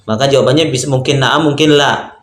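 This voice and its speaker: A man's voice: mid-range voice, quick pace, fairly bright tone. Patient male Arabic teacher, echoey room. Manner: patient, explains step by step, often says "Masya Allah". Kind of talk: online Arabic grammar lesson.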